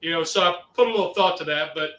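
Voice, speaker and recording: A man's voice: a little high, fast, fairly bright tone, echoey room. A man on a landline phone, co-hosting a live cooking stream in easygoing, rambling chat. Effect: over a landline phone.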